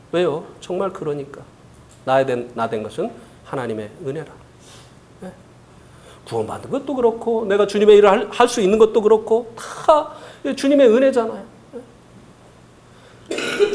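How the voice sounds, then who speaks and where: A man preaching a sermon as pastor. He keeps asking the congregation for a reply and acts out a tempting voice. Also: a little high. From South Korea. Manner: lively preaching, asks the congregation "예?" often, acts out the devil's coaxing voice.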